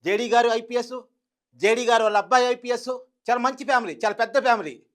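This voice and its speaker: A man with a notably high voice delivers a heated opinion monologue as a news commentator. He hammers home his points, repeating phrases for emphasis and throwing rhetorical questions at his listeners. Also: fast.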